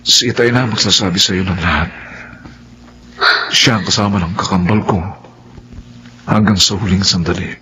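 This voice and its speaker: In a Filipino radio drama, an actor plays an earnest young man who goes from flustered to patient, often stammering as he explains himself. His voice is low, bright, and forceful, delivered at a moderate pace with long pauses, against slight background noise.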